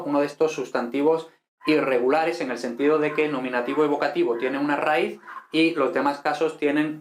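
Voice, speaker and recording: A man with a medium-pitched voice teaches Latin, explaining a text in a relaxed, chatty manner. He uses lots of fillers and tacks questions onto the ends of his sentences, and the room has a roomy echo.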